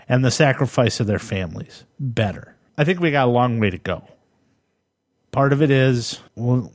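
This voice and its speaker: A man's voice: mid-range voice, no room sound, studio quality. Thoughtful man hosting a solo podcast. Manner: thoughtful, halting, with pauses to find words. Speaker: podcast host. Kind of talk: reflective solo podcast monologue.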